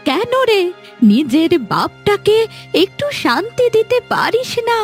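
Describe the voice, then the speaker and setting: A woman's voice: very high-pitched, sing-song, unhurried, faint music behind, full character voice. A woman voicing a quarrelsome middle-aged village mother in a cartoon, scolding her family. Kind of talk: cartoon voice acting.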